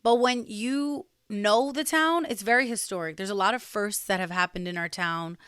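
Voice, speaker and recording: A woman's voice: mid-range voice, moderate pace, fairly bright tone, clean tone, no room sound, clean studio sound. A young woman from New Jersey, chatting as a podcast guest with lots of fillers and restarts. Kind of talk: casual interview conversation.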